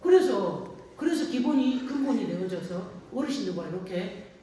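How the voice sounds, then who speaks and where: A woman's voice: medium pitch, animated, normal speed, mellow. Folksy woman pastor in an echoey hall. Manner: folksy storytelling, frequent call-and-response questions. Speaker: pastor at an elder care center. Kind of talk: sermon to elderly congregation. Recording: echoey room, distant mic, faint noise.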